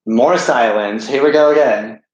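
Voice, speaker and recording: A man's voice: mid-range voice, measured pace, dull audio. Sarcastic man in a very echoey room. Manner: blunt, sarcastic remarks. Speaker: vlogger reacting to his old videos. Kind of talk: casual reaction commentary.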